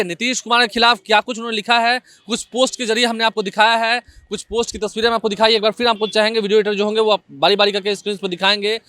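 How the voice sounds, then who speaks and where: A male news reporter speaks outdoors on location in a high, bright, forceful voice. He delivers the report emphatically and keeps firing rhetorical questions at the viewer. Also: no room sound. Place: outdoors in front of an office building.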